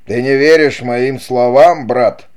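A man's voice: mid-range voice, takes it slowly, darkish tone. A man voicing a vengeful, mocking male chief who taunts his brother in an audiobook, sneering and cruel. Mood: taunting. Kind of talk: audiobook character reading.

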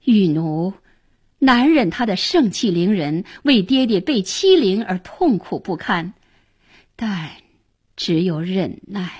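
A woman storyteller narrates in a traditional, dramatic style. Her slightly husky voice rises and falls widely, and she takes her time with each phrase. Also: mid-range voice, very animated, slow pace.

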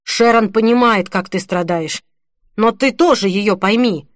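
A woman's voice: mid-range voice, unhurried, no echo, studio quality, natural voice. A woman reading the part of a grown man who earnestly and firmly consoles a grieving friend in an audiobook. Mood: gentle, firm. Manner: earnest, persuasive, gently firm.

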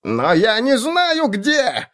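A man doing a shrill panicky halfling. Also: wildly swooping pitch, extremely slow, fairly bright tone, full character voice. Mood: panicked. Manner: squealing, panicky, whining. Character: shrill frantic male halfling thief boss.

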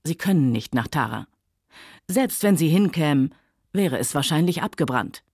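A woman reading a novel aloud, voicing a worldly, sardonic Southern gentleman who speaks coolly and mockingly. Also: sits low, animated, normal speed, slightly rough, no echo, studio quality. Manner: sardonic, cool, later soft and soothing.

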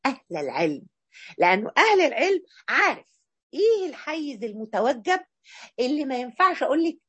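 A woman with an Egyptian accent giving a religious lesson in a colloquial, emphatic and animated way. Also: sits high, quick pace, husky, no room sound. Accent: Egyptian Arabic. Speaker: female Islamic preacher.

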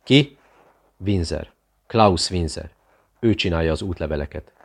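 A man's voice: sits low, gravelly. A man voicing a fat, frightened captive who whispers and mumbles his answers in an audiobook.

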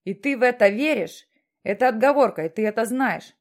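A woman's voice: fairly high pitch, expressive, brisk. A woman voicing a stern, mysterious voice from the sky that questions and lectures insistently.

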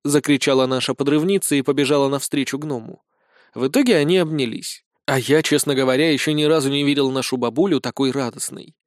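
A man narrating a first-person comic fantasy audiobook in an even storytelling read. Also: medium pitch, fast, dry recording, studio quality.

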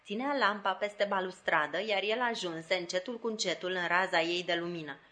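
Woman reading a novel aloud, bright voice. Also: fairly low pitch. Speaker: audiobook reader. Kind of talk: literary audiobook narration.

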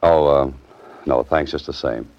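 Hard-boiled writer hero, wry, deep voice, 1940s radio drama, dull old recording. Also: male voice, unhurried, no room sound. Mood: polite, bemused. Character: wry, laconic hard-boiled male fiction writer-adventurer. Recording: muffled old radio recording, loud music.

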